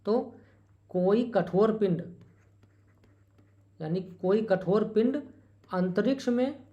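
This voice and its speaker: Here a teacher delivers an exam-prep lecture at medium pitch, on a lo-fi recording. Key terms get repeated and rhetorical questions asked, and any minor slip is fixed with a brief apology.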